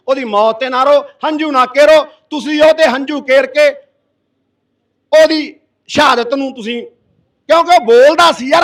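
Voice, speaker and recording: Fiery, high-voiced Punjabi man orating. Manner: impassioned, forceful, roaring. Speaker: activist addressing a protest gathering. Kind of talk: fiery public speech. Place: village protest sit-in. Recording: voice from far off the mic.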